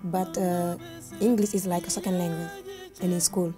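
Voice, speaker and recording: A woman's voice: fairly low pitch, little pitch movement, moderate pace, over music. A woman from Senegal with a Senegalese accent, answering interview questions in plain, simple English as a non-native speaker. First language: Wolof or other Senegalese language. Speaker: guest. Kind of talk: casual interview.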